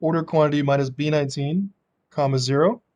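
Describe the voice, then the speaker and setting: A male instructor with a slightly high voice leads a hands-on software lesson. He dictates each formula piece by piece so learners can type along. His manner is casual and practical, step by step. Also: a little fast, dull audio. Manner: casual, checking that learners follow.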